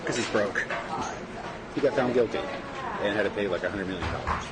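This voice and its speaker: A man talking candidly and casually in a loose, halting, slangy way, caught on a hidden mic outdoors. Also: fairly low pitch. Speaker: intelligence agency contracting officer, former federal agent. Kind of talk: candid casual chat, covertly recorded. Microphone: concealed mic worn by conversation partner. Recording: hidden mic, loud outdoor street noise.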